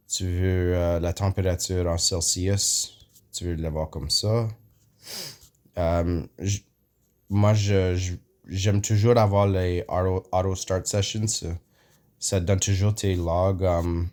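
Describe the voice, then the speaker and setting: In a casual screen walkthrough of an app, a man speaks in a low, slightly mellow voice. English is his first language and his accent is English Canadian; he sounds hesitant, uses many fillers and English words, and often clears his throat.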